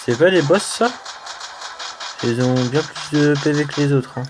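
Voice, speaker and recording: A man's voice: a little high, noisy background. A man with a French accent commenting casually on a mobile game he is playing, hesitant and full of fillers. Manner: hesitant, many "euh" fillers, slow and unhurried. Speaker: gaming channel host. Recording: music playing under the voice.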